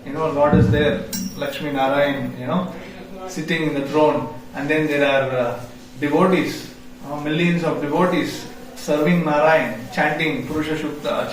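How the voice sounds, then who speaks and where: A man's voice: fairly high pitch, slight background noise. A man giving a devotional scripture class in a temple, telling the story conversationally with frequent "you know" and quizzing his listeners. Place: temple hall. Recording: echoey hall from far off.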